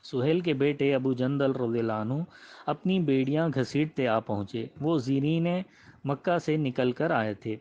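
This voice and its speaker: A man reading a religious biography aloud in a measured, reverent way and ending with a prayer. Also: medium pitch, darkish tone. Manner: measured and reverent, with frequent honorifics. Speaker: religious history reader. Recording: slightly muffled, dull audio.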